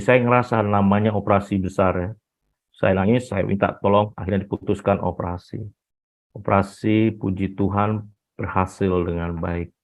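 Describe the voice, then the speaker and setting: A middle-aged man giving an earnest, emotional personal faith testimony, retelling conversations as he goes. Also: deep voice. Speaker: chapter president giving testimony. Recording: dull lo-fi recording.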